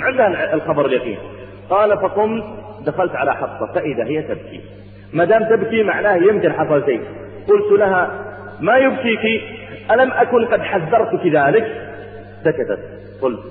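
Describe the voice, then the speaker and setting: Fast dramatic preacher, tinny hall sound. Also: male voice, fairly high pitch. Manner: dramatic retelling, acting out the people in the story. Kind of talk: sermon storytelling. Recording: tinny phone-like sound with roomy hall echo and faint hum.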